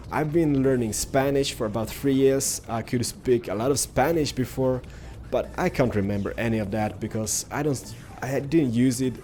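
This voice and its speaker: A young Swedish gaming YouTuber, a native Swedish speaker, rambles through casual gameplay commentary, peppering it with "like" and "stuff like that." His voice is medium-pitched and a little mellow.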